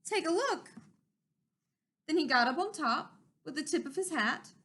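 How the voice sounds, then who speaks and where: A woman's voice: high-pitched, brisk, sharp tone. A woman reading a rhyming children's story aloud expressively, like a teacher to young listeners.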